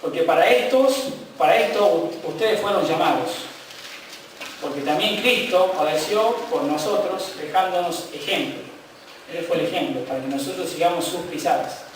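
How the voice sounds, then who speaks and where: A man's voice: on the high side, lively intonation, normal speed, slight background noise. A man preaching a sermon as pastor in a Rioplatense Spanish accent, impassioned, with repeated refrains and frequent rhetorical "¿eh?" asides, recorded from a distance in a church. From Argentina. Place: church sanctuary. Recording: very echoey hall, mic far off.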